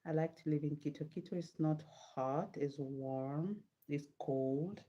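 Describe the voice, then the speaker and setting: A Nigerian woman, a hair vlogger, chats casually with viewers during a live hair-styling stream, answering their comments. Her voice is deep and dark, and she speaks unhurriedly. The lo-fi sound is dull.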